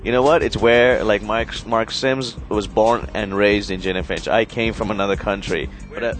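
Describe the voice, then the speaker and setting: A man from Sri Lanka talking casually in an interview, animated and proud, rambling with fillers. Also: on the low side, normal speed, soft background music, rough recording. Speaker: interviewee, local resident.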